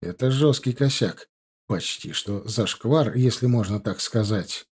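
A man narrating a first-person crime audiobook in a steady, even way. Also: fairly low pitch, a little slow, slightly rough.

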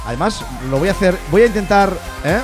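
A chatty, jokey male co-host on a radio show who explains facts between the banter. His voice is a bit high, and music plays clearly behind him. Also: lively intonation, quick pace.

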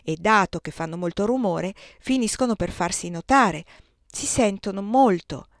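A woman reading a novel aloud as an audiobook, with measured, expressive narration. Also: medium pitch, dry recording, studio quality. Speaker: audiobook reader.

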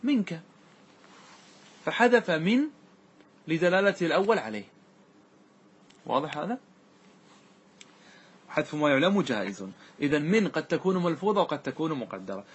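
A man teaching classical grammar to a class, asking questions and answering them himself, and reciting verse lines slowly. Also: on the high side, sing-song, breathy edge.

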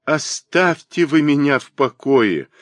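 A man's voice: fairly high pitch, lively intonation, slow, no room sound, clean studio sound. A man voicing a hurt and indignant young servant girl in an audiobook. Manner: pained, indignant.

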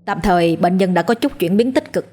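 A woman voicing a tired male doctor who speaks in a measured, reassuring way. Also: on the low side, animated, darkish tone. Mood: calm. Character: tired male hospital doctor, calm and businesslike.

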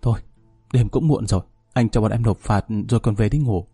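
A man's voice: lowish voice, fairly quick, mellow, husky, no room sound, soft background music. A man reading the part of a bar owner who ingratiates himself with the police. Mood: ingratiating. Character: smooth-talking man bargaining with police.

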